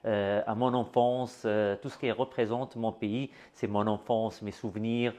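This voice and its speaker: A middle-aged man from Algeria, a guest artist in an interview, speaking warmly and repeating words with many fillers. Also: lowish voice, little pitch movement, measured pace. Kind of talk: interview conversation.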